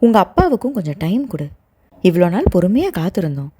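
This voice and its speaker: Calm young man from an audio novel, reassuring and teasing, voiced by a woman narrator; mellow, lively delivery. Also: on the low side, quick pace, slightly rough.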